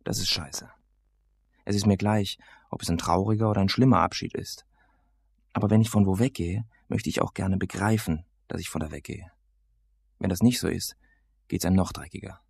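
Deep, gravelly man reading a novel. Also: moderate pace, no echo. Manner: casual, sardonic teenage narration. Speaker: audiobook narrator. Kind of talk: first-person novel reading.

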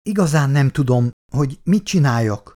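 Hesitant stammering young man, awkward suitor, a man doing him in a storybook reading, warm lively voice. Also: a little high, voice pushed up. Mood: anxious, defensive.

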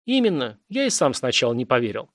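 A man's voice: mid-range voice, huge pitch swings, quick pace, dry recording, clean studio sound. A man voicing a sardonic, worried male doctor who probes with questions, read as an audiobook character. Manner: sardonic, probing.

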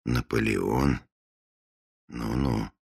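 A man voicing a composed gentleman detective who speaks in a quiet, doubting, understated way. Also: rumbling low, a little slow, vocal fry, breathy edge, full character voice. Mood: skeptical. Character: skeptical, composed gentleman detective, dry and restrained.

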